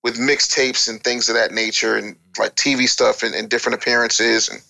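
A mid-range, creaky male voice with little pitch movement comes across pushed and bright, a little fast, on a rough recording. He is an American interview guest, once a radio DJ and record maker, talking candidly and conversationally in a blunt, emphatic, streetwise manner.

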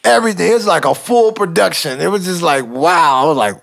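Gravelly man telling animated stories. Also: fairly high pitch, fairly quick. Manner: animated, acts out dialogue, laughs often, slangy. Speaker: music executive guest. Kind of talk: casual storytelling interview.

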